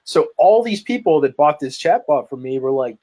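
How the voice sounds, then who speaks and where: A man's voice: a little high, big pitch swings, normal speed, warm tone. A man telling a story in casual chat on a video call, tagging his sentences with "right?". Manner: rambling storytelling, tags lines with "right?". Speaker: podcast guest, marketer.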